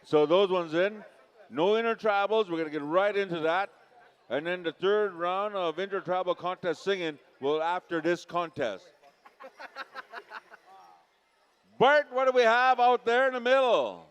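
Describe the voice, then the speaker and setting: Smooth, high-voiced male powwow emcee, slightly dull. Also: expressive, unhurried, pauses often. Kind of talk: live event announcing. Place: powwow arena over PA.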